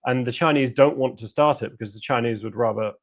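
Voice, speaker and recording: A man's voice: mid-range voice, quick pace. A man, a guest analyst, giving sardonic, analytical answers in a political discussion interview.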